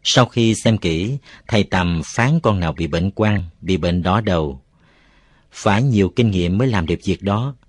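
Male narrator, low voice, dry close recording, calm steady storybook reading. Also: moderate pace, dry recording. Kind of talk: audiobook narration.

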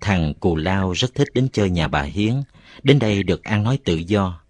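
A man reading a novel aloud as narrator, with calm, even storytelling. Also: low-pitched, moderate pace, no echo. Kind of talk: audiobook narration.

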